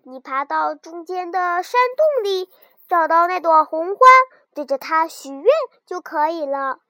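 A woman voicing a timid, polite young lamb in a children's storybook, speaking up in a high, pleading voice. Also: unhurried, bright, forceful tone, dry recording, clean studio sound, exaggerated voice. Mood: earnest pleading.

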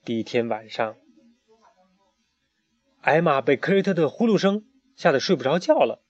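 A man reading a children's picture book aloud, drawn-out phrasing with fillers, on a muffled recording. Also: a little high, very animated, no room sound. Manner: warm, drawn-out, with hesitation fillers. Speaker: storyteller.

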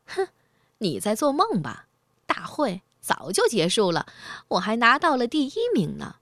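A woman voicing a boastful, sly little male mouse who talks in a smug, cocky, shrill way. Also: wildly swooping pitch, unhurried, fairly bright tone, no room sound, clean studio sound, full character voice.

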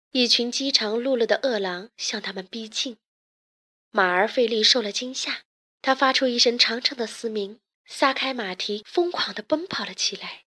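A woman's voice: on the high side, sharp tone. Woman telling a children's storybook.

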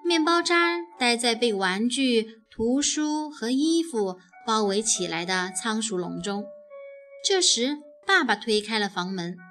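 A woman narrating a children's story in an expressive, animated way. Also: a little high, unhurried, faint music behind.

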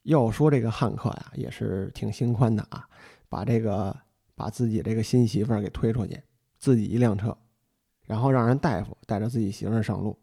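Mellow-voiced storyteller man. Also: fairly low pitch, fairly quick, gravelly, slightly rough. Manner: chatty, addresses the listener directly, folksy asides. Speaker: book storyteller. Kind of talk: colloquial storytelling, retelling a novel.

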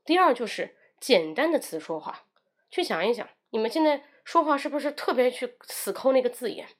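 A woman's voice: on the high side, lively intonation, fairly quick. Woman teaching English on a livestream. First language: Mandarin Chinese. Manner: switches between Mandarin and English, demonstrates phrases.

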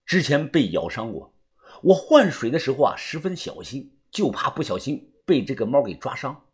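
A man narrating a first-person audiobook story in a lively, swinging storyteller manner. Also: medium pitch, normal speed, breathy edge.

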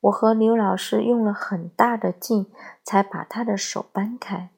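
A woman giving calm, measured scripted narration of a parenting essay. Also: mid-range voice, vocal fry, breathy edge. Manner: slow, measured, calm storytelling.

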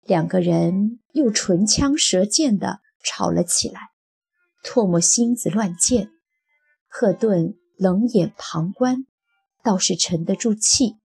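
A woman narrating an audiobook in a brisk, expressive reading voice, with a breathy tone. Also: medium pitch, soft background music. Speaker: storyteller.

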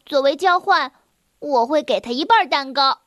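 A woman's voice: high voice, lively intonation, moderate pace, fairly bright tone, dry recording, studio quality. A woman voicing a cheeky, mocking young girl in a children's storybook, with a sassy, teasing way of talking.

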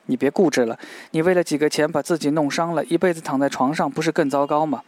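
A man's voice: a little high, steady tone, fast talker, darkish tone, no room sound, natural voice. A man reading the lines of an earnest young male geologist who pleads with worry. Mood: pleading.

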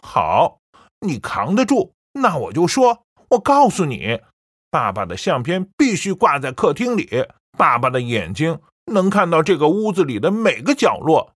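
A woman's voice: low-pitched, big pitch swings, measured pace, no room sound, clean studio sound, heavily acted. A woman voicing a stubborn young man who talks back bluntly and coldly to his mother. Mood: defiant. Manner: blunt and cold.

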